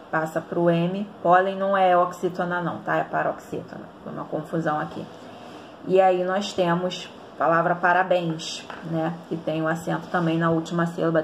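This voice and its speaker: Low-voiced Brazilian woman teaching grammar. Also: slight background noise. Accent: Brazilian Portuguese. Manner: explanatory, frequent "tá ok?" checks. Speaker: Portuguese teacher. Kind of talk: online grammar lesson.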